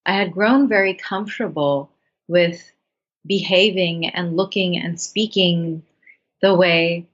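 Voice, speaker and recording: She's a writer and actress from Bangladesh, in her thirties, interviewed as a guest; her voice is fairly low and slow. The talk is reflective, thoughtful and earnest, full of restarts, and the sound quality is dull and lo-fi.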